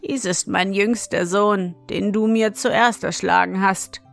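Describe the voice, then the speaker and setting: A scheming, ancient witch of a fairy tale, cold and taunting, slow in her speech, played by a woman reading aloud. She turns shrill and pleading when cornered. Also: steady tone, vocal fry, soft background music. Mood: menacing.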